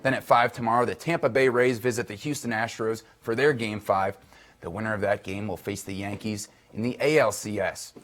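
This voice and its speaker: A man reading a scripted sports segment for a local news broadcast, in a brisk, upbeat newsreader delivery. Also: on the low side, fairly even intonation, a bit bright. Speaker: sports reporter.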